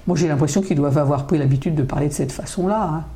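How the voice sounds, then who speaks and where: A woman's voice: deep voice, quick pace, warm tone. An older woman with an accent from France, answering casually in an interview, hesitant and often repeating short phrases. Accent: French from France. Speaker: interviewee, local resident.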